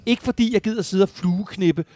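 A man's voice: high voice, mellow, no echo. A man co-hosting a podcast in a heated casual debate, talking at length with frequent restarts and rising when worked up. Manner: wordy, restarts often, rises when worked up. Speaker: podcast co-host.

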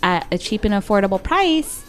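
A woman's voice: mid-range voice, very animated, a little fast, soft background music. A woman guest on a podcast, chatting casually with lots of fillers. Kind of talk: casual chat.

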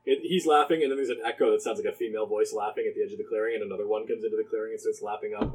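A man's voice: lowish voice, steady tone, very fast, background noise. A man narrating as game master of a tabletop game, loose and amused, with many fillers.

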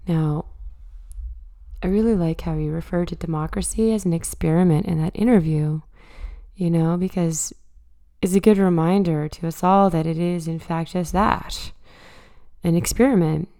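A woman hosts a casual monologue, her voice raspy and hoarse from a cold. It sits fairly low and sounds dark and gravelly. She talks thoughtfully and leans on fillers. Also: fairly even intonation, moderate pace. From Canada. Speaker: podcast host.

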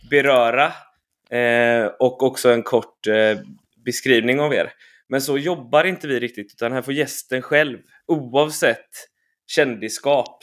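A man's voice: mid-range voice, a bit bright. A man hosting a podcast in casual chat, informal and hesitant with many fillers. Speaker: podcast host.

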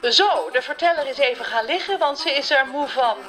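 A woman's voice: high voice, lively intonation, a little fast, a bit bright, soft background music, pitched above the performer's own voice. A woman voicing a prim, dismissive second voice that interrupts a told story. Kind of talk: storytelling aside.

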